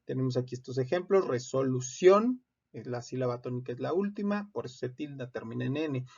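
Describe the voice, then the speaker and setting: A man's voice: medium pitch, expressive, brisk, creaky, a little mellow, husky. A man giving a recorded lesson on legal writing, explaining steadily with frequent "eh" fillers. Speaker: instructor. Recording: dull lo-fi recording.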